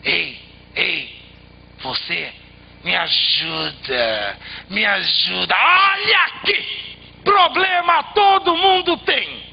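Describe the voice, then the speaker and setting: A man's voice: sits high, gravelly, voice pushed up. A man voicing an unlucky wandering man who talks in an exasperated, lecturing way. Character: unlucky wandering man, stubborn and short-tempered. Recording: slightly muffled, faint background noise.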